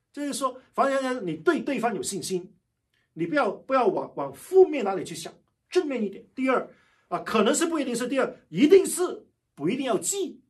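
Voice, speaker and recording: A man preaching a sermon, telling personal stories and repeating key phrases with emphasis. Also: very high-pitched. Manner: talks loud and fast by his own account.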